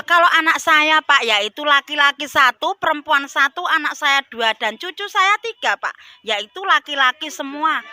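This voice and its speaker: An older woman speaks slowly and earnestly with a high, very bright voice. She answers an interviewer's questions about her life, politely ending her phrases with "sir". Faint noise hums behind her. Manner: earnest, addresses interviewer as Pak after each phrase. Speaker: vegetable seller and former sinden.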